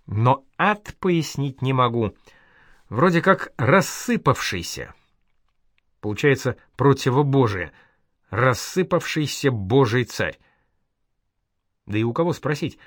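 An experienced male caravan leader read by a male narrator speaks slowly and knowingly, with an even mid-low voice in this audiobook tale. The sound is dry and close to the mic. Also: no echo. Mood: calm.

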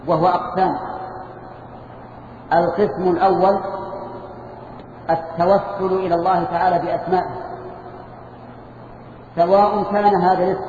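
A high-voiced man teaches a religious lesson, slowly repeating key phrases and quizzing his listeners. He is heard from far off in a long-echoing hall. The old recording is dull and lo-fi, with a faint hiss beneath. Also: darkish tone. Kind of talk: classroom lecture.

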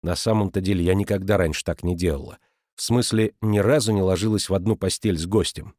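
A man's voice: low-pitched, steady tone, a little fast, darkish tone, dry recording, clean studio sound. A man voicing a bold, teasing teenage girl who talks in a cheeky, colloquial way.

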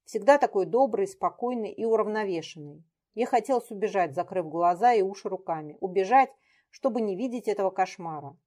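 A woman narrating a novel in a steady, even reading voice. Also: medium pitch, a little fast. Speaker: audiobook narrator. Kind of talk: audiobook narration.

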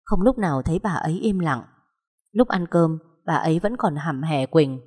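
A woman narrating a story in a calm, steady way, with a long echoing reverb. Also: low-pitched, moderate pace, breathy edge.

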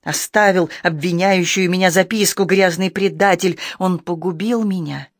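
A man voicing a proud, venomous young female courtesan who lashes out in shrill, scornful outbursts. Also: steady tone, moderate pace, no room sound, clean studio sound. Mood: contemptuous.

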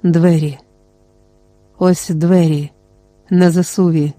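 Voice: mid-range voice, flat delivery, slow, warm tone, no echo, natural voice. A reader voicing a frightened young sorceress who speaks in a trembling, pleading voice in an audiobook. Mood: tense.

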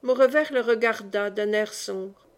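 A woman reading a classic novel aloud in measured, expressive narration. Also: on the high side. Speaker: audiobook reader. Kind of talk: scripted narration.

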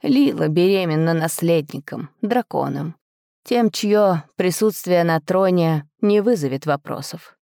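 A woman voicing a cold, calculating older king who speaks slowly and commands without raising much heat. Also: on the low side, lively intonation, vocal fry, mellow, no room sound, studio quality. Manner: slow, cool, commanding.

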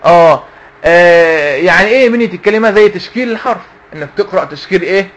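An Egyptian Arabic-accented man with a high, somewhat bright voice teaches young students to recite the Quran at a quick pace. He keeps asking them questions repeatedly and pausing for their answers.

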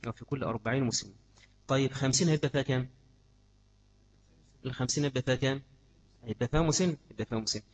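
A man with an Egyptian accent gives a religious study lesson at a rapid clip. His voice is husky. He repeats key terms and keeps asking his listeners questions. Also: medium pitch, steady tone. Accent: Egyptian Arabic. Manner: repeats key words, asks the class questions. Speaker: religious teacher.

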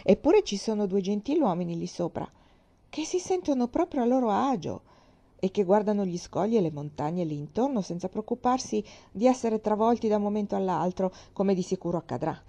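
A woman's voice: mid-range voice, animated, brisk, mellow. Woman doing a bluff, jovial old admiral. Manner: bluff, chatty and frank. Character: hearty, jovial old navy admiral, man.

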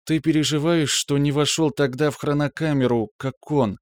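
A man voicing a tender, teasing young woman who speaks to her lover in a soft, cooing way. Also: on the high side, fairly even intonation, moderate pace, dry recording, clean studio sound, voice pushed up, close to an everyday voice.

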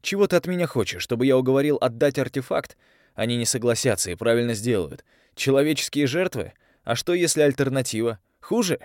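A man's voice: medium pitch, animated, brisk, no echo, clean studio sound, pitched above the performer's own voice, close to an everyday voice. A male audiobook reader voicing an irritable, aggressive young man who works as a magic operative. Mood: exasperated. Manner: aggressive, exasperated.

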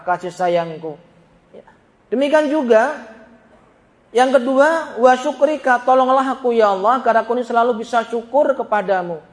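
A man preaching an animated sermon in a mosque, acting out prayers and joking with the congregation. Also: sits high. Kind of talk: lively sermon with humor. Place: mosque hall. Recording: echoey hall with long reverb.

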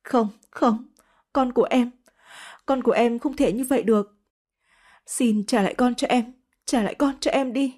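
A woman's voice: a little fast, a little mellow, close to an everyday voice. A woman voicing a spiteful young woman who curses and wails accusations. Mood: hysterical. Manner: shrill cursing, wailing accusations. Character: vicious spiteful young woman, hysterical mother.

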